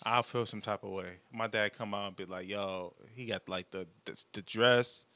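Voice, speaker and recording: A man's voice: fairly low pitch, fairly even intonation, moderate pace, pushed and bright, no echo. A man co-hosting a casual podcast, joking in slang and acting out what people would say. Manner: joking, slangy, acts out quoted remarks. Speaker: podcast co-host.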